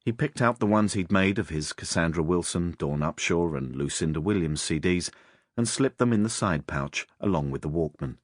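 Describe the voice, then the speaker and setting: A man narrating a crime novel audiobook in a measured, expressive storytelling manner. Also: sits low, no echo, clean studio sound.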